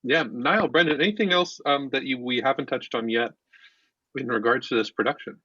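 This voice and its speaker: A man's voice: medium pitch, a little fast, bright, forceful tone, husky. A man moderating an online meeting in a breezy, joking manner. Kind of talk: casual moderating. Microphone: video call. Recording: muffled, distant video call audio.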